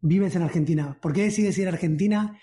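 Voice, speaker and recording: A man's voice: high voice, a little fast, dark tone. A man from Spain interviewing an old acquaintance, asking friendly, familiar questions with light laughs.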